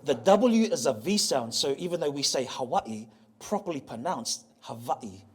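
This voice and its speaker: A fairly high-pitched, husky, animated man gives a playful public talk on ocean voyaging heritage at a museum venue. He slowly breaks down how words are pronounced and gets the live crowd to repeat after him.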